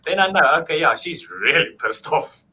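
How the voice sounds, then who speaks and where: A man telling a paranormal story in a casual, animated way, acting out quoted dialogue and swearing freely. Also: a little high, normal speed, highs cut off.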